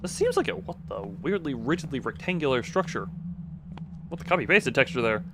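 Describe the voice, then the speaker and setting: Over background noise, a man with a mid-range, sing-song voice talks briskly while streaming a game. He chats casually with his viewers in a rambling, exclamatory way, frequently starting over and rewording what he says.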